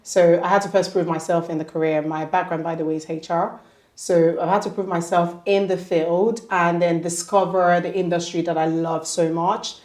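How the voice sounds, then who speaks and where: A woman in her forties, an HR professional and author, talking in a measured, thoughtful way on a podcast panel. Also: lowish voice, flat delivery, darkish tone. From outside the UK. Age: 40s. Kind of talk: casual podcast discussion. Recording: roomy echo.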